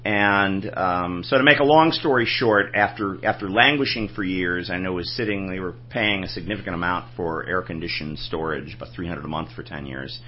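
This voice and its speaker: A man's voice: sits low, normal speed, few pauses, muffled recording, a little hiss or hum. A man telling anecdotes in a casual interview, rambling and restarting his sentences. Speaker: film collector guest.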